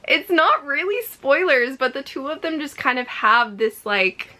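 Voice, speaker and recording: A woman chatting casually to camera as an upbeat, effusive book vlogger, her voice a little croaky with allergies. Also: high-pitched, expressive, a little slow, pushed and bright. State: slightly croaky, allergy-affected voice. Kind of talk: casual chat to camera about books.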